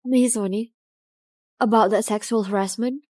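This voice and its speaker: A betrayed, stern bride, played by an actress who demands answers. Her voice is fairly high and recorded dry and close. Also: steady tone, moderate pace, mellow, no room sound, close to an everyday voice. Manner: stern, questioning. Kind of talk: dubbed drama acting.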